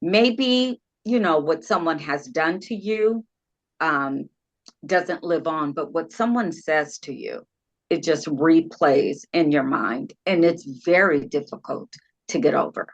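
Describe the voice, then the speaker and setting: A woman co-hosting a podcast, speaking in a slow, measured way. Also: low voice. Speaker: podcast co-host. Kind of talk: casual chat.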